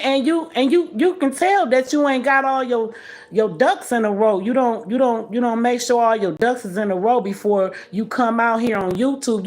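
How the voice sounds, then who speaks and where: Blunt, scolding woman in her sixties. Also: a little high. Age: 60s. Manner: blunt, scolding, animated trash talk. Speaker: livestream host. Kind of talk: casual livestream commentary.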